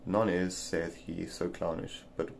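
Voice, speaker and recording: A man's voice: low voice, level tone, a little slow, creaky, slight background noise. A man reading an old essay aloud, often stumbling and repeating words as he goes. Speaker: reader of a classic essay.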